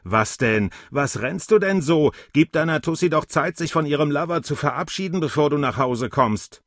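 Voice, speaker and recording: A man voicing a drunk, belligerent old man who rants loudly and indignantly. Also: medium pitch, animated, moderate pace, no echo, clean studio sound, voice pushed up, close to an everyday voice. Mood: taunting. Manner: loud, indignant ranting.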